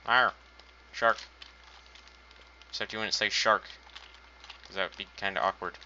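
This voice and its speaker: A man's voice: low voice, steady tone, fairly quick, pushed and bright, a little hiss or hum. A man casually commenting on his own gameplay, thinking aloud while building and making dry, self-mocking asides. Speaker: gaming channel host. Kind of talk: casual let's-play commentary. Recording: dull lo-fi home recording.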